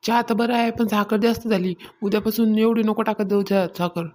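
Lightly acted, with a medium pitch, a steady tone and a darkish timbre, a woman speaks a little fast. She plays the nagging, miserly, self-important head of a household in a cartoon comedy, using colloquial Varhadi Marathi with a rural Maharashtra accent.

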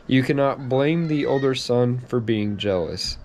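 A man's voice: medium pitch, animated, darkish tone, slight background noise. A man, a father vlogging casually from a car dealership and reading a daily devotional. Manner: easygoing, quick-talking, says y'all. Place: car dealership showroom, then home.

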